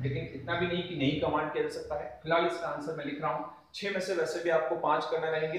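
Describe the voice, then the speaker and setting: A man's voice: a little high, fairly bright tone. A man teaching an exam revision lecture, explaining grammar answers step by step and addressing the students as friends. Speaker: English teacher. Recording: very echoey room, mic at a distance.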